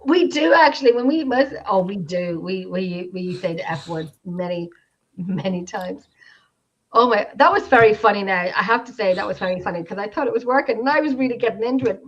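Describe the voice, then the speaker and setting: Speaking at medium pitch, animated and a little fast, this Irish podcast co-host keeps things giggly, chatty and self-deprecating. The casual live-stream conversation comes through a home computer microphone on a video call, with dull, lo-fi sound.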